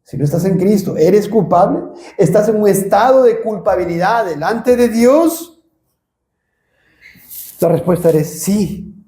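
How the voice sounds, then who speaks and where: A man's voice: high-pitched, mellow. A man with a Peruvian Spanish accent preaching a sermon, earnest and pleading, repeating phrases for emphasis. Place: church hall. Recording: echoey church hall.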